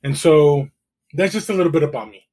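His voice fairly high and his delivery fairly quick, the middle-aged real estate agent from El Salvador shares his background as an interview guest. He keeps it laid-back, with wry jokes at his own expense.

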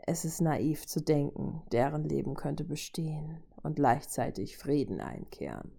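A woman voicing a cold, menacing male robot villain in a low, hushed murmur. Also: lively intonation, a little slow, creaky, breathy edge, heavily acted.

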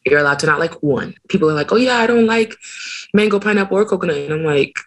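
A woman's voice: lowish voice, quick pace, poor audio. A young woman co-hosting a podcast, chatting casually and telling stories with strong opinions. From Barbados heritage, raised in America. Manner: animated, opinionated storytelling. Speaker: podcast co-host. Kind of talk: casual chat.

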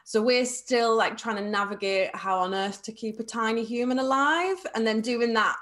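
A woman's voice: fairly high pitch, moderate pace, fairly bright tone. Chatty young northern woman. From Carlisle, England. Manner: chatty, laughs often, many fillers. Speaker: guest. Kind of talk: live online interview.

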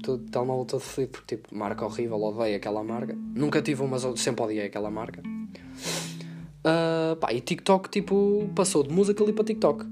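A man with a European Portuguese accent in a casual, rambling monologue, ranting and joking with frequent swearing. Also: mid-range voice. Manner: rambling, profane, joking rant. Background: guitar music.

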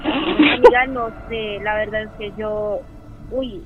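A woman's voice: mid-range voice, slow, faint music behind. Hesitant woman over a phone-like line. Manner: hesitant, full of restarts and fillers. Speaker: podcast co-host. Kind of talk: casual chat. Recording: phone-like dry call audio.

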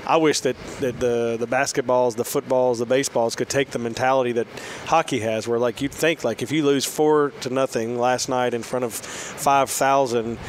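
A man's voice: mid-range voice, fairly even intonation, normal speed, few pauses. Man chatting over outdoor noise. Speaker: talk show panelist. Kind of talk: casual sports chat.

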